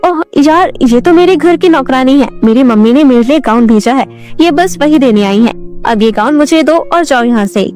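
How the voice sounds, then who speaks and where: A woman voicing a spoiled, arrogant young woman in a cartoon story, shrill and quick-tongued. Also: expressive, darkish tone, soft background music. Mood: haughty. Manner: shrill and haughty.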